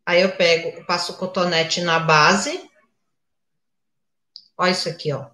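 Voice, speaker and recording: A woman's voice: on the low side, steady tone, measured pace, bright, forceful tone. A mature woman giving a live makeup tutorial, chatty, constantly checking in with her viewers. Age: older. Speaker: makeup instructor. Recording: echoey room.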